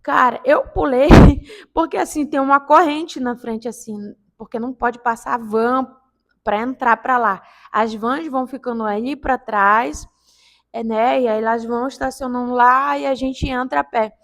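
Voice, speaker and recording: A woman in her fifties talks straight to her viewers in an excitable, storytelling rush. Her voice sits high, and she punctuates the tale with sharp little exclamations. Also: unhurried. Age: 50s. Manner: animated and excitable, with sound-effect interjections. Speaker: vlogger telling a paranormal story. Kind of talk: casual storytelling to camera.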